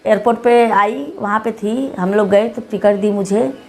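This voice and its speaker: A woman's voice: mid-range voice, unhurried, soft background music. A middle-aged woman with a Bhojpuri-tinged Hindi accent gives an interview as the mother of the deceased. She rambles and repeats herself, and she acts out what others said to her. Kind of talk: emotional testimony interview.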